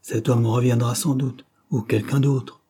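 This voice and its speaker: A man voicing a calm, wry young prince in a storybook reading. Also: medium pitch, a little slow, slightly rough.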